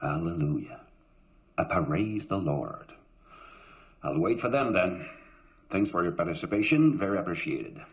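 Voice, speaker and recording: An actor playing a defiant suspect who claims to be a French-Canadian cop and talks cockily, breaking into swearing French. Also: male voice, low voice, lively intonation, a little slow, pauses often.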